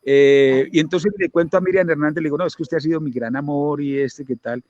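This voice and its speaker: A Colombian man chatting casually as a guest sports commentator, animated and repeating phrases for emphasis. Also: on the high side, fairly quick, dry recording, muffled recording. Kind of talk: casual interview storytelling.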